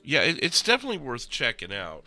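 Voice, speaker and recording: A young streamer, nasal and rough from a recent illness, casually explains a roleplay server while playing, with relaxed, rambling explanations full of fillers. His mid-range voice moves fast over faint background music.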